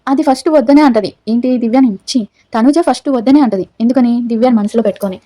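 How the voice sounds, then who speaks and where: A woman talks quickly in a soft, mellow voice that sits a little high. She hosts her own channel and runs through a reality-show recap in a casual, chatty way, slipping into the contestants' quoted lines as she tells it. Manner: chatty retelling that acts out the quoted dialogue. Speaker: YouTube channel host.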